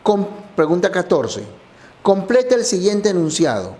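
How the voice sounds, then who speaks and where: A man's voice: high-pitched, very animated, a little slow, a little mellow. A man teaching a language lesson, explaining exam answers step by step.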